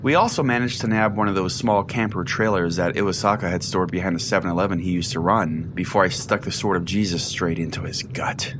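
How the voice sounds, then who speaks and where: Smug and storytelling, a man voices a self-important, sarcastic conspiracy pastor hosting an audio-drama talk show, chatting and rambling through a scripted monologue. His natural voice sits low, moving briskly with hardly any pauses over background noise.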